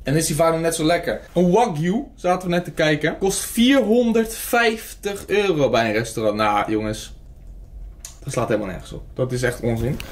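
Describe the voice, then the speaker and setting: A man's voice: on the high side, moderate pace. A man in his twenties with a Netherlands Dutch accent, chatting casually to his vlog camera in an informal way, repeating short phrases. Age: 20s. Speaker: vlogger. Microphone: handheld camera at arm's length. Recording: clear background noise, traffic ambience.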